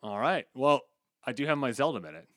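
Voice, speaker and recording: A playful man co-hosting a casual podcast, telling stories with real animation. His voice swoops up and down a lot around a middle pitch, and the sound is close and dry. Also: sing-song, fairly quick, a bit bright, dry recording. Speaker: podcast co-host.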